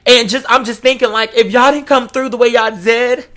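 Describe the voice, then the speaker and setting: An online content creator and live show host in their twenties speaks candidly and emotionally to followers, using emphatic, slangy, profane phrasing and repeating things for emphasis. The voice is medium in pitch and fairly bright, with fairly even intonation and a moderate pace.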